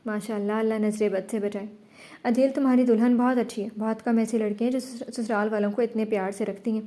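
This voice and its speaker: A woman's voice: fairly high pitch, steady tone, mellow, lightly acted. A woman voicing a doting older aunt who fusses and gives blessings. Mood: admiring.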